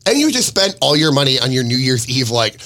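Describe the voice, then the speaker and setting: A man from Wisconsin co-hosts a casual podcast. His pitch swings widely as he tells stories. He acts out quotes along the way. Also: a little fast. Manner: animated storyteller, acts out quotes. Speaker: podcast co-host.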